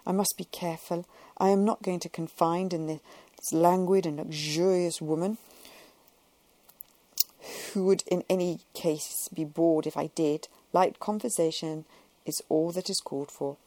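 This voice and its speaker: A woman's voice: on the low side, fairly even intonation, a little slow, mellow, dry recording. A woman reading the part of a reserved woman who speaks politely and guardedly. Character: cautious, reserved woman guest.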